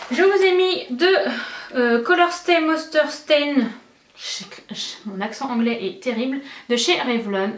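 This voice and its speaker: A young woman with a slightly high voice chats as a beauty vlogger, enthusiastic and full of hesitant fillers. Her voice rings in an echoey room, recorded by a mic set some distance from her. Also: slight background noise. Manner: chatty and enthusiastic, many fillers. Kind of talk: casual chat.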